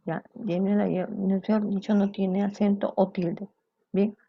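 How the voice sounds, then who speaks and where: Slow and flat in delivery, a medium-pitched woman explains grammar to students one step at a time. The recording has no room sound yet is dull and lo-fi, and she keeps checking understanding with "¿cierto?" and "¿bien?".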